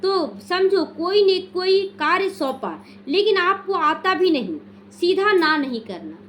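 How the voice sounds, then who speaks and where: A woman giving a devotional teaching talk, explaining point by point with an earnest, gently exhorting manner and quizzing her listeners. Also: very high voice, very animated, unhurried, slight background noise. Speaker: spiritual teacher.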